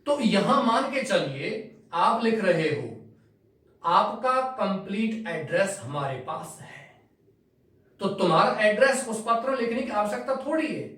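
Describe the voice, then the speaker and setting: Unhurried, high-pitched male teacher, echoey room, mic far off. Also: animated, a bit bright. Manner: explains step by step, asks and answers his own questions. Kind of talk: classroom lesson.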